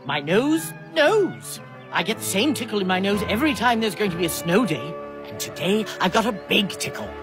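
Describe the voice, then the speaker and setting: A woman's voice: mid-range voice, sing-song, normal speed, close to an everyday voice. A woman voicing a jolly, portly railway boss in a cartoon, talking cheerfully with authority. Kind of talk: cartoon voice acting. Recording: cartoon audio with music.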